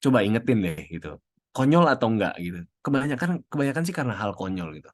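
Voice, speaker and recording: Man, casual talk on a video call, animated swings in pitch, chatty, acts out quotes. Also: quick pace. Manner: chatty, mixes in English phrases, acts out quotes. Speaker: speaker at an online youth session.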